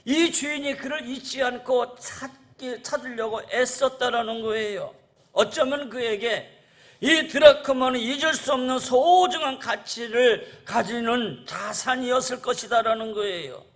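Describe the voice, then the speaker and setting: High-voiced male pastor preaching. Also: unhurried, fairly bright tone. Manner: earnest preaching, repeats "라는 거예요" endings; addresses the congregation as "여러분". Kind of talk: sermon.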